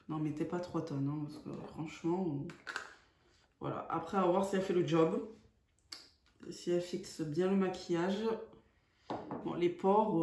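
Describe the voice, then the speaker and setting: A woman's voice: lowish voice, dark tone, a little hiss or hum. A woman chatting through a makeup tutorial, hesitant and full of fillers. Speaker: beauty vlogger. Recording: echoey room.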